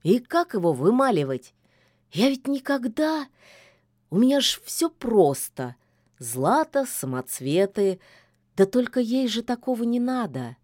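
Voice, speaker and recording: A woman reading aloud puts on an ancient, stubborn male sorcerer from a fairy tale, grumbling in old-fashioned phrases. He sounds lovesick under the gruffness, talks at an unhurried pace, and the sound is close and dry. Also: on the high side, sing-song, a little mellow, dry recording. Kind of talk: fairy-tale audiobook voicing.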